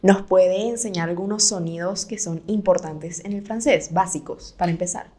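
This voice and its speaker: A woman hosting a podcast asks her guest short, direct questions. Her voice sits a little low and sounds mellow and warm. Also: normal speed. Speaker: podcast host. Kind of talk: interviewing.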